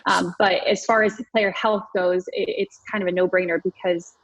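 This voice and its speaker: A woman's voice: on the low side, level tone, moderate pace, highs cut off. A woman talking sports as a podcast guest, explaining her points in an orderly way. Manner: clear, organized explanations. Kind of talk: sports talk.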